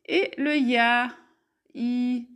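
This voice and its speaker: A woman teaching a beginners' class on writing letters, speaking in a slow, patient way and spelling out each sound. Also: a little high, steady tone, fairly bright tone. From France. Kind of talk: Arabic alphabet lesson.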